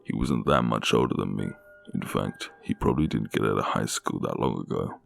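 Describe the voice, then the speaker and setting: A man with a low, haunting voice narrating a scripted scary story. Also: a little fast, gravelly.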